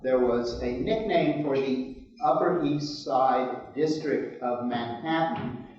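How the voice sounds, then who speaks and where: Man moderating in an echoey, muffled low-quality stream. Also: a little mellow. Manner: hesitant, many filler pauses. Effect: low-quality live stream recording. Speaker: panel moderator. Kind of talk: moderating a live conference panel. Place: conference hall. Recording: distant, echoey, muffled hall recording.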